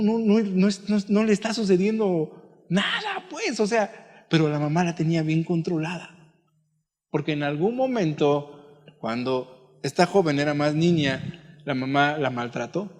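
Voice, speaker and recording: A pastor giving a conversational sermon full of stories and asides. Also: male voice, on the high side, in a large hall. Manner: conversational preaching with anecdotes and asides. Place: church.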